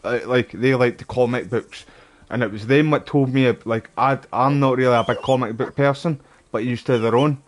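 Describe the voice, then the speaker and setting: A man's voice: mid-range voice, steady tone, normal speed, hardly any pauses. A man with a Glasgow street accent chats casually as he plays a game. He rambles along in local slang, with cheeky, sweary banter aimed at whoever is in front of him. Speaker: gaming streamer. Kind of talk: casual gameplay commentary, rambling chat.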